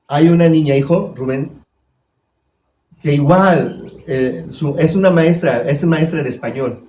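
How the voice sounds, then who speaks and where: A male pastor preaches a sermon in a church hall, putting questions to his congregation. His voice is on the high side with a dark tone, and the room sounds echoey.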